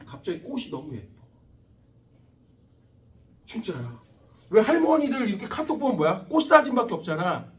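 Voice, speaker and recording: A man in his forties teaching a science class, lively and chatty, often questioning his students. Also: high voice, moderate pace, pauses often, reverberant, distant mic. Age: 40s. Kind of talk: classroom lecture.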